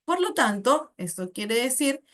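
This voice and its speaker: A woman's voice: on the high side, big pitch swings, a little slow. A woman with a Peruvian Spanish accent explains exam answers as a teacher, patiently, with frequent tag questions and self-corrections.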